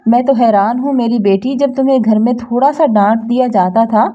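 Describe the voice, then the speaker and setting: A woman's voice: fairly high pitch, normal speed, muffled recording, close to an everyday voice. A woman voicing an anguished, caring older mother who speaks to her daughter in a pained, pleading way.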